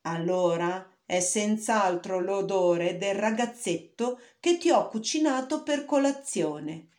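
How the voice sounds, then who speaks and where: A woman doing an ogre's quick, sly wife. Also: expressive, a little mellow. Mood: dismissive. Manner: fast, high, brisk. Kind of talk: storybook reading.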